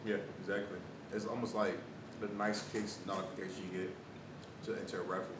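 An American man in his twenties with a fairly low voice chats casually about food, chewing as he talks. The mic is at a distance in a hard, echoey room, and a clear rumbling noise sits behind him. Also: flat delivery, fairly quick. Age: 20s. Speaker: food reviewer. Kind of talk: casual food review chat. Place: small bare room at a table, indoors. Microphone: camera several feet away.

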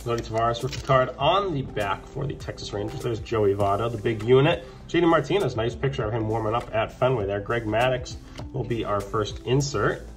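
A man's voice: medium pitch, fairly quick. A man chatting casually as he opens trading card packs, calling out each card and getting upbeat at the good ones. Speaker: card collector opening packs. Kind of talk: casual pack-opening commentary. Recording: background music under the voice.

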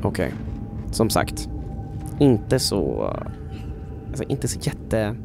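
A gaming YouTuber chats through a horror game let's-play, filling every silence and jumping from hushed whispers to loud yelps. His voice is lowish and creaky with wildly swooping pitch, and music plays in the background.

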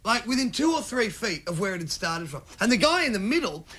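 A middle-aged man doing stand-up, telling a rambling story with sudden shouted bits, recorded live on stage. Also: high-pitched, sing-song, brisk. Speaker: stand-up comedian. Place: comedy stage before an audience.

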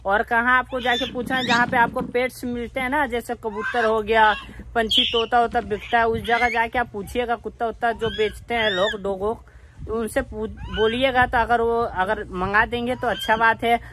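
A man's voice: extremely high pitch, flat delivery, normal speed, background noise. A man, chatting casually and directly to his viewers outdoors at home. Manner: plain, repetitive, addresses viewers directly. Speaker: vlogger with a pet monkey. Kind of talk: casual vlog chat to viewers.

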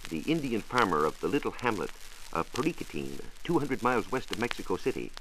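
On a faintly noisy 1940s radio transcription disc, an American man reports on science, narrating a scripted show in a formal, precise, emphatic manner. He talks fast in a lowish, sing-song, slightly bright voice.

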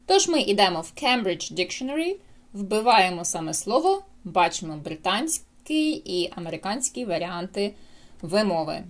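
A woman explains sounds and transcription symbols to her viewers in a video lesson. Her pitch sits mid-range but rises and falls a lot as she talks. She speaks directly to the viewer in a clear, explanatory way. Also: very animated, moderate pace. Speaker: English pronunciation teacher.

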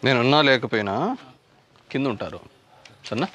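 A man, a politician going door to door, asking brisk questions and reassuring residents out on the street. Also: medium pitch, a bit bright. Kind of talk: door-to-door conversation. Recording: crowd noise around. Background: crowd of people.

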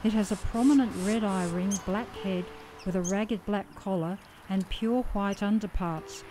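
A woman with an Australian accent giving calm, scripted nature documentary narration as a voice-over. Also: medium pitch, unhurried, background noise.

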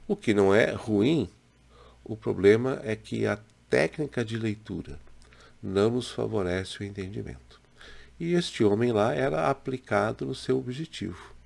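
A man in his sixties from Brazil, a pastor giving a slow, measured daily devotional to a webcam in a small home room. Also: on the low side, gravelly. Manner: slow, measured, gentle preaching with pauses. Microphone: webcam in front, head and shoulders.

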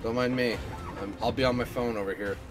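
A man's voice: medium pitch, steady tone, a little fast. A man co-commentating a game stream in a groggy morning voice, chatty and complaining. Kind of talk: casual gameplay commentary. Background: game music.

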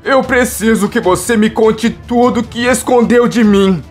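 A woman voicing a dying young man, speaking slowly in a lowered voice. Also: a little mellow, faint music behind, lightly acted. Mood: weak.

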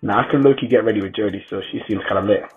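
A man's voice: on the low side, rapid-fire, husky. Muffled young London roadman. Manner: London roadman slang delivery. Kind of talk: casual joking commentary over a makeup video. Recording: slightly muffled, music behind.

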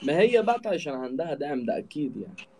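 A man's voice: fairly high pitch, big pitch swings, quick pace, background noise. A man with an Egyptian accent and a cold, bantering on a live stream and urging viewers to tap and share. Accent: Egyptian Arabic. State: has a cold.

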